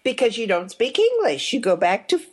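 A woman hosting an interview, asking questions in an unhurried way with frequent affirming interjections. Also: on the high side, huge pitch swings, breathy edge. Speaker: interview host. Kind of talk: casual interview talk.

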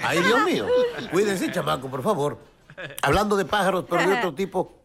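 A man's voice: high-pitched, lively intonation, a little fast, gravelly, very noisy. A man from Acapulco telling jokes as a guest comedian on radio, speaking through a cold and laughing at his own punchlines. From Acapulco, Guerrero, Mexico. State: has a cold. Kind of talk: stand-up joke telling on radio.

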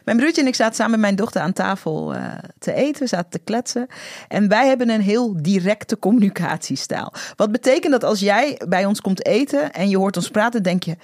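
A woman's voice: medium pitch, expressive, a little fast, darkish tone, no room sound, studio quality. Frank, reflective woman telling her story. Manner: frank, reflective, with many hesitations. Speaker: guest, author. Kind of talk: personal storytelling in conversation.

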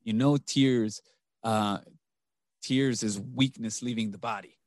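A man's voice: on the low side, steady tone, takes it slowly, dry recording. Young male host, laid-back and chatty, switches into Spanish now and then, dry voice. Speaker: podcast host. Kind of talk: casual conversation.

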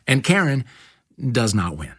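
A man's voice: medium pitch, sing-song, a little slow, a bit bright, slightly rough. A man hosting a podcast, narrating scripted links in a wry, playful way. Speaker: podcast host.

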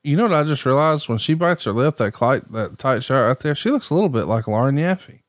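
A man's voice: medium pitch, expressive, a little fast, no echo, clean studio sound. A man co-hosting a podcast with casual banter, teasing, sarcastic and free with swearing. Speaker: podcast co-host.

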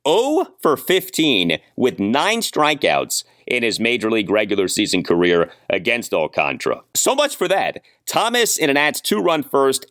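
Animated man hosting a sports podcast, dry sound. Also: fairly low pitch, no room sound. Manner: emphatic, repeats stats in a formulaic way. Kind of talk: scripted podcast narration and recap.

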